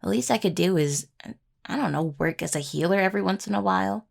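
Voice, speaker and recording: A young adult woman voices an anxious, sweet necromancer healing student in intimate roleplay audio. Her voice is gravelly and creaky, medium in pitch, and she talks fast in a hesitant, rambling, casual way. She sounds bashful.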